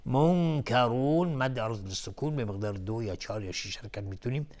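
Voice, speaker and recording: Man, mid-pitched voice, televised Quran recitation lesson, slow melodic chanting, calm methodical explanations. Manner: chants verses slowly in high melodic recitation, then explains rules plainly; calm, methodical, repeats each word while explaining. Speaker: Quran recitation teacher and host.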